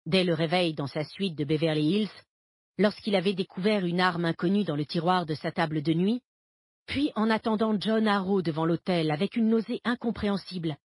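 A woman narrating an audiobook thriller in a steady, even storytelling delivery. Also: mid-range voice, breathy edge, no room sound, studio quality.

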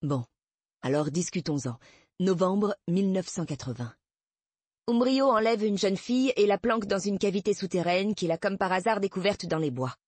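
A woman voicing a wry, steady male police detective, read in a dry, calm, patient manner. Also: medium pitch, normal speed, dry recording, lightly acted.

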